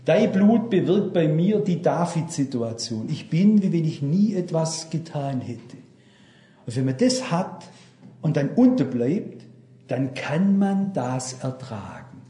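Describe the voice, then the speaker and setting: A man's voice: on the high side, very animated, slow, warm tone, echoey room. An older man preaching a sermon, fervent and speaking straight to his congregation with questions.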